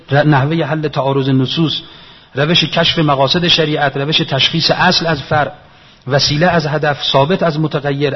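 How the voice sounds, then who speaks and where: Husky-voiced man lecturing in an echoey hall. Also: on the high side. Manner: earnest, reasoning aloud, repeats key phrases. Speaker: religious lecturer. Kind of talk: religious lecture. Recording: echoey hall, dull lo-fi sound.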